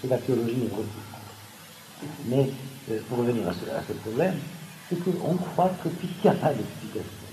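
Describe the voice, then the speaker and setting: A man giving a lively seminar lecture, pausing with frequent asides and restarts. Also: mid-range voice. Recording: echoey room with background noise.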